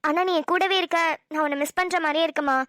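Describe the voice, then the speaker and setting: A woman's voice: extremely high pitch, steady tone, quick pace, fairly bright tone, dry recording, clean studio sound. A woman voicing a cheerful, teasing college-age daughter in a cartoon, talking in a chirpy voice. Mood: coaxing. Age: young adult. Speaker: voice actor. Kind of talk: cartoon dialogue acting.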